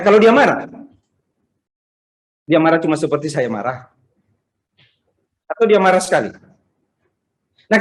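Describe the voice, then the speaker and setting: A man preaching a Sunday sermon, firing off rhetorical questions and acting out the people who question him. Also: high voice. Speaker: pastor. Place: church. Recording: roomy church sound over video call.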